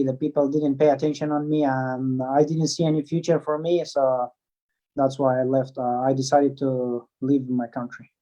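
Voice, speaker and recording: An Afghan man answers interview questions as a swimmer, his voice fairly high and warm. He speaks haltingly, with plenty of fillers, restarts and non-native phrasing, and the recording is dull and lo-fi.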